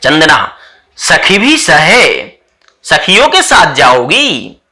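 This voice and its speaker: Male teacher with a bright, high voice, explaining a play line by line. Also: huge pitch swings. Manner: reads Sanskrit lines then explains each in Hindi, asking himself quick questions. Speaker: Sanskrit teacher. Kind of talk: classroom lesson explaining a Sanskrit play.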